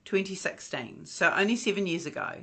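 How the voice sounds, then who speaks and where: An interviewer who asks gentle, measured questions and sums things up for the listener. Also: medium pitch, expressive, husky.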